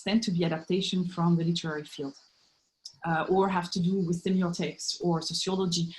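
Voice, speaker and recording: A woman with a lowish voice is interviewed as an academic expert, a professor of art and literature history. She answers thoughtfully and explanatorily, and the recording is rough.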